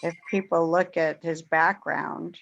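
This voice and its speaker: Gravelly woman on muffled audio. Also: sits low, fairly even intonation, a little slow. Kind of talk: casual group discussion. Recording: muffled audio with faint noise.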